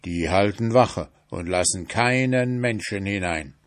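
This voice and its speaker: A man doing a loud, gruff giant. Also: lowish voice, unhurried, natural voice. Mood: warning. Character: huge gruff male giant, stern. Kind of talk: audiobook fairy tale reading.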